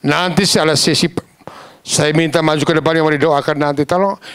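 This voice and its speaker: A man preaching a sermon, telling stories in a lively, casual, slangy way and acting out the voices of the people in them. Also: on the high side, brisk, clear, resonant tone, no echo. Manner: animated, acts out quoted voices.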